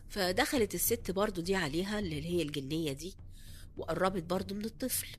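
A woman's voice: fairly low pitch, fast. A woman with an Egyptian Arabic accent telling a horror story in a casual, conversational way, with many hesitant fillers and restarts.

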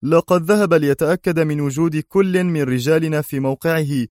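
A stern, forceful commando officer, as a male narrator puts him on, clipped and commanding. The voice is lifted above the reader's own and recorded dry and close. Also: a little high, fairly quick, no echo, voice pushed up, lightly acted. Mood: feigned cheer.

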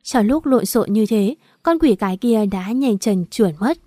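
A woman's voice: mid-range voice, a little slow, no room sound, studio quality. Woman narrating a bitter first-person story. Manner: earnest, bitter, steady reading. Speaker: audiobook narrator.

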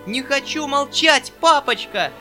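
A man voicing a fiery, outspoken young girl who shouts in defence of her father. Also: extremely high pitch, lively intonation, a little slow, over music, voice pushed up. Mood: indignant. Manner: shouting, indignant, tearful pleading.

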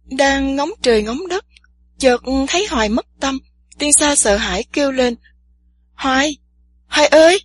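A woman narrating a story gently and evenly. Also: high voice, animated, normal speed.

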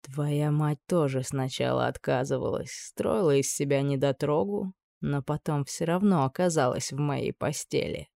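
A woman voicing a scheming, menacing older male judge with a low, insinuating purr. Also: steady tone, moderate pace, gravelly, hardly any pauses, warm tone, no room sound, clean studio sound.

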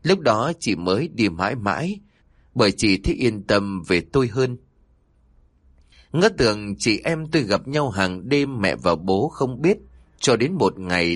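A man narrating a scripted horror story in a dramatic, expressive way. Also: fairly low pitch, no room sound, clean studio sound.

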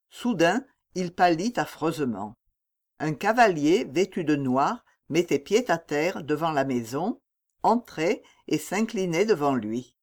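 A man narrating a classic novel as an audiobook, with a measured, dramatic reading. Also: fairly high pitch.

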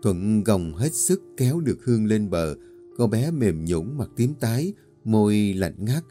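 A man narrating a horror story in a steady, dramatic way. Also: lowish voice, a little slow, faint music behind.

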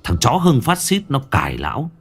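A man narrating a ghost story in a grave, expressive storytelling voice. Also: medium pitch, normal speed, breathy edge.

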